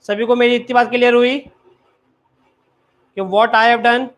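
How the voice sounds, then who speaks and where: A man's voice: extremely high pitch, little pitch movement, slow pace, fairly bright tone. A man teaching a live online maths class, often checking that his students follow and urging them to keep studying.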